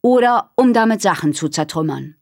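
A woman's voice: medium pitch, animated, normal speed, dry recording, lightly acted. A woman reading aloud voices a young girl with a dry, sarcastic way of talking.

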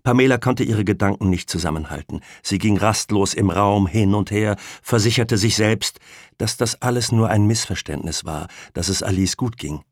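A man narrating an audiobook in a steady, measured way. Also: lowish voice, no echo, clean studio sound.

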